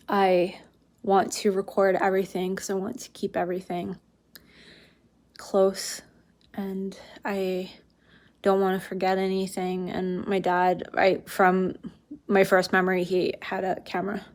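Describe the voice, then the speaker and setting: Slow-paced woman vlogger, rambling and informal. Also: mid-range voice, darkish tone. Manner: rambling, informal, self-interrupting. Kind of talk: casual explanatory vlog chat.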